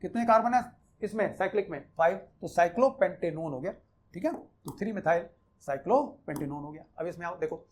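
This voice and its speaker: A man's voice: sits high, lively intonation, fairly quick. Man, chemistry teacher, online lesson, conversational, explanatory, repeats key rules. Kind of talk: explaining IUPAC naming in a Hindi-English mix.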